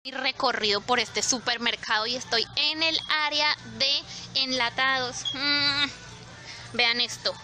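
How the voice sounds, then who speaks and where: Strolling the supermarket aisles indoors, a young woman from Colombia vlogs casually, talking straight to her audience in a chatty, expressive way. She speaks unhurriedly in a high voice, with faint music playing behind her.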